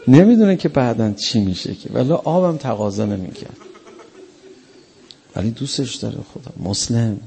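Gravelly dark-voiced male preacher. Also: mid-range voice, lively intonation. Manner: emotional storytelling, acting out quotes. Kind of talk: mourning sermon.

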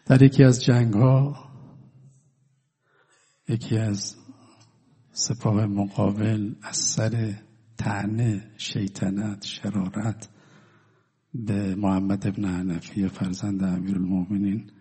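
A man preaching a sermon, telling stories and swinging between loud declaiming and hushed, drawn-out words. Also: lowish voice, little pitch movement, slightly rough, big-room sound. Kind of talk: religious sermon with storytelling.

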